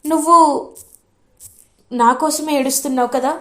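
A woman's voice: high-pitched, steady tone, unhurried, a bit bright. A woman voicing an anguished young man pleading over a wedding he does not want, in a retold TV serial story.

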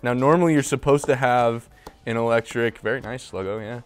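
In a kitchen, a young man hosts a casual home cooking show, chatting upbeat to a silent mascot beside him while wearing a lapel mic. His mid-range voice is fairly quick and clean-toned, with faint music in the background.

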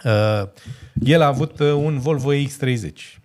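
A man in his thirties hosting a car podcast as casual chat in a studio, telling stories with a lively manner and laughing often. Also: medium pitch. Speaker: podcast host. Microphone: studio mic on boom arm.

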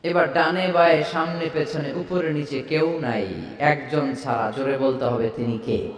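A man's voice: on the high side, steady tone, normal speed, roomy sound, distant mic, noisy background. A man preaching a sermon to a large crowd, calling out questions for them to answer and chanting verses of scripture.

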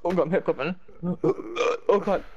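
A young man chatting casually with a friend while gaming, laid-back and quick to laugh. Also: high voice, animated, dull audio, a crowd in the background. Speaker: gamer.

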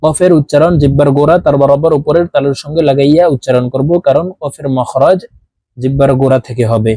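A man with a Bangladeshi Bengali accent teaching Arabic letters slowly, one by one, with the letter names drawn out and chanted. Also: fairly high pitch, steady tone, mellow, dry recording. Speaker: Quran teacher. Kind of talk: slow letter-by-letter lesson.

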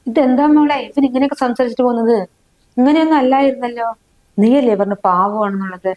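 An actress playing a soft-spoken middle-aged mother who reassures her daughter in a family short film. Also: on the high side, fast talker, muffled recording, lightly acted.

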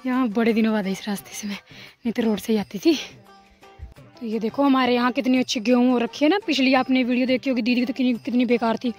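A woman's voice: a little high, fairly even intonation, fast talker, darkish tone, soft background music. A young woman from Himachal Pradesh in India, chatting casually to viewers in her daily vlog as she walks through fields and her home, recorded on a handheld phone. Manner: chatty, playful, talks to viewers while walking. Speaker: vlogger. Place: outdoors, village fields and home.

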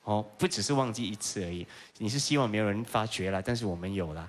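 A man's voice: lowish voice, expressive, quick pace. A man judging a singing contest with wry, joking remarks. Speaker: judge. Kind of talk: judge's critique on a talent show.

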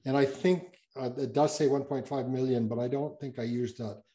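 A man's voice: mid-range voice, fairly even intonation, moderate pace, mellow. A man speaking as a guest geologist, answering audience questions on a video call in a rambling, self-correcting way with many fillers.

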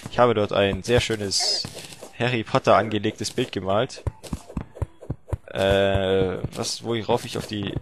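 A young man narrating his own gameplay in a goofy, self-mocking way, his lowish voice jumping into yelps and little shouts. The home recording carries clear background noise and clicking. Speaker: let's play commentator. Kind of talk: casual gameplay commentary.

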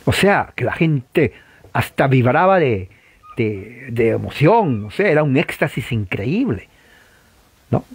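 Animated man giving an informal lecture. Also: medium pitch, slow pace, husky, dry recording. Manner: animated, conversational, frequent rhetorical asides. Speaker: church history teacher.

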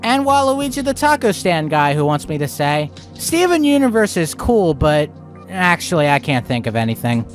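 A man's voice: fairly high pitch, sing-song, moderate pace, soft background music. A young man hosting a review video, with sarcastic, profane ranting commentary. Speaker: video critic host.

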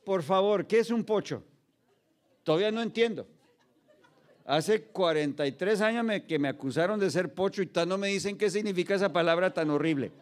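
A pastor of about fifty, born in Los Angeles with a Mexican-American accent, gives a humorous sermon to a children's ministry from the stage of a large indoor hall, using a stand microphone. He tells stories by acting out dialogue and mixing in English phrases, his male voice sitting high at a normal speed.

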